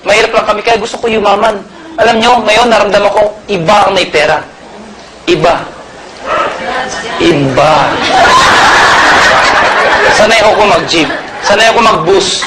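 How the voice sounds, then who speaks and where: Man from Pangasinan, high-pitched motivational seminar speaker, jokey and loud, over a loud crowd. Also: moderate pace, pauses often. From Pangasinan, Philippines. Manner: energetic, jokey, often shouting to the crowd. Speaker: network marketing speaker. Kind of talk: motivational sales talk to a live audience. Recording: loud crowd and noisy venue.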